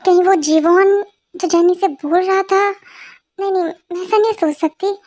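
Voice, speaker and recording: A woman's voice: very high-pitched, fairly even intonation, unhurried, darkish tone. A woman voicing an anxious young wife who worries aloud about her husband in a dubbed fan story. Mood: worried. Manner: worried, self-reassuring.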